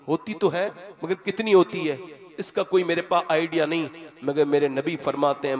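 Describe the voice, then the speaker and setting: Fervent male preacher, dramatic sermon. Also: on the high side. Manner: dramatic, swings from loud cries to hushed pleading; acts out voices of people in his stories. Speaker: Islamic preacher. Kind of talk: emotional sermon storytelling. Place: live religious gathering with an audience.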